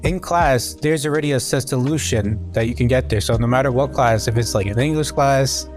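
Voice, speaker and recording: A man's voice: medium pitch, a little fast, darkish tone, soft background music. Rambling, explanatory podcast man. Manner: explanatory, rambling with many "like" fillers. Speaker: podcast co-host. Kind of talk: casual podcast chat.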